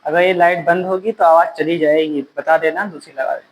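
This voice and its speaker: A male teacher giving a classroom lecture, repeating key phrases slowly so students can write them down. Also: fairly high pitch, steady tone, lo-fi sound.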